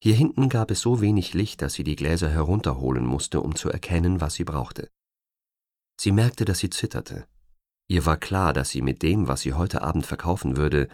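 A man reading an audiobook thriller with expressive, suspenseful narration. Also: very deep voice, no room sound, clean studio sound. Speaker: audiobook reader.

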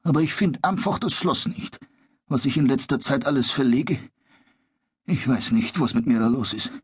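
Raspy old carpenter. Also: male voice, mid-range voice, animated, normal speed. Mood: exasperated. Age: older. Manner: grumbling, exasperated oaths. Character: kindly old master carpenter, easily flustered.

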